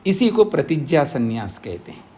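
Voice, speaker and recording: Middle-aged swami lecturing students, fairly high-pitched man, repeats points and checks that the class follows. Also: sing-song, dark tone. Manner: explains slowly with repetition and questions to the class; acts out both sides of a debate in raised tones. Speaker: swami teaching philosophy. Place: ashram classroom.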